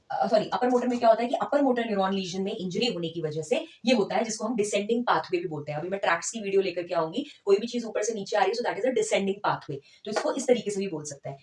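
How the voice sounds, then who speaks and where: Woman lecturer, chatty teaching tone, mid-pitched, recorded a bit off-mic in a roomy space. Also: a little mellow, distant mic. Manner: conversational teacher, checks in with listeners. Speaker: physiotherapy lecturer. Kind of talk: explanatory lecture, Hindi mixed with English terms. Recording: echoey room, voice from off the mic.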